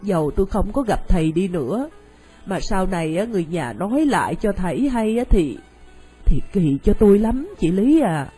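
A guilt-stricken young mother in a radio play. Her voice is soft, mellow and breathy and pitched a little high, and she stumbles and repeats words as she talks. Faint music plays underneath. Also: big pitch swings, moderate pace, rough recording. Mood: hesitant. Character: remorseful young mother who abandoned her child, tearful. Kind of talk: radio drama acting.

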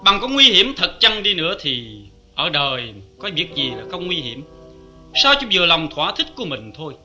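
A weary, guarded drifter who speaks in a soft, reflective, poetic way, with a Southern Vietnamese accent. His voice is very bright and a little higher than most men's. Faint music plays behind him in this old radio play. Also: sing-song, normal speed, full character voice. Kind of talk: vintage radio drama acting.

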